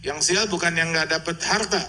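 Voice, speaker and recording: Bright-voiced man preaching with twang. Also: fairly high pitch, moderate pace, a little hiss or hum, rough recording. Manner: conversational, teasing, rhetorical questions. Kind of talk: religious lecture.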